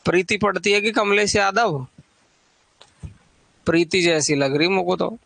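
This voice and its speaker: A man's voice: high voice, measured pace, vocal fry, fairly bright tone, dry recording. A man teaching a live online Hindi literature exam-prep class, chatty, repeating lists of titles and teasing students by name.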